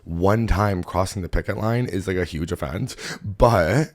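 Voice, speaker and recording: A man with a somewhat low voice hosts a comedy podcast in easy, casual chat. He rambles through stories, mocks himself, and laughs a lot as he goes. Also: a little slow. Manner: rambling, self-mocking, laughs often.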